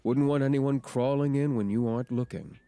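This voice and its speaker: A woman voicing Casper, a flirtatious, smug male death spirit in a story game, drawling her words slowly and teasingly. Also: a bass voice, dark tone, no room sound, pitched below the performer's own voice.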